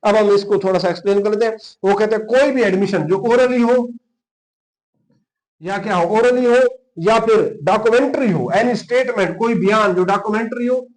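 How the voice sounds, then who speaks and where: Heard on a rough recording, this Pakistani-accented man has a high, darkish voice and a moderate pace as he teaches law to police exam candidates. He mixes English legal terms into his Urdu, repeats key points with emphasis, spells out terms, and checks comprehension.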